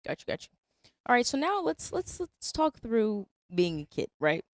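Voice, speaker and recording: A woman's voice: a little high, big pitch swings, normal speed, no echo, clean studio sound. A woman in her twenties hosting a podcast, chatting casually and teasing her guest in a playful way. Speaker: podcast host. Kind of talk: casual conversation. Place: indoors, on a couch.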